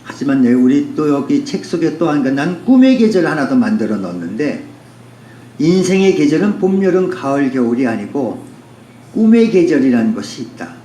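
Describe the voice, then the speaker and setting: This poet and author speaks in a warm, mid-range voice, very animated but at a normal speed. His unscripted talk is a reflective essay, poetic and philosophical, built on rhetorical repetition. Echo fills the room, with a little background noise underneath.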